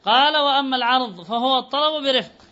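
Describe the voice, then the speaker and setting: A man's voice: extremely high pitch, quick pace, pushed and bright. A man teaching a grammar lesson, quizzing students and repeating their answers back to them. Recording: dull lo-fi recording.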